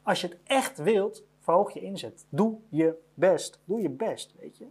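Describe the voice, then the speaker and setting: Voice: medium pitch, animated, measured pace, a little mellow, slightly rough. A business owner giving a blunt motivational monologue about career advice, repeating each point to hammer it home.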